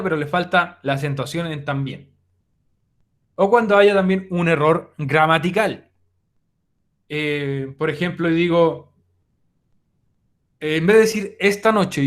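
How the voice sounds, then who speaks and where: A young male teacher walks students through a recorded online class. His voice sits a little high, and his delivery is casual and direct, with frequent "eh" fillers. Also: a bit bright.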